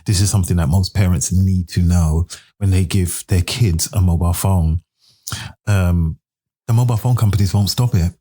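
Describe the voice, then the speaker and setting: Low mellow voiced guy, gaming expert guest on a podcast, earnest explainer. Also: normal speed, breathy edge. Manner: earnest, explanatory, frequent murmured backchannels. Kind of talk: casual podcast interview.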